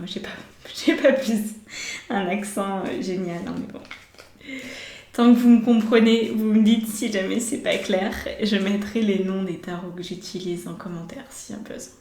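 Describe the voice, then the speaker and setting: A woman's voice: medium pitch, darkish tone. A woman giving a tarot reading to her viewers, speaking reflectively and addressing them directly with frequent hesitations. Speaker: tarot reader. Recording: echoey room.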